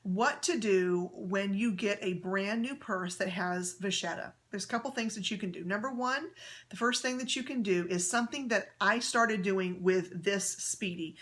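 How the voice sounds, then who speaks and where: A woman's voice: mid-range voice, fairly bright tone, slight background noise. A woman hosting her own vlog, talking casually to camera in a chatty, friendly way, with many fillers and restarts as she explains things. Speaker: handbag vlogger. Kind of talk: casual how-to talk to camera.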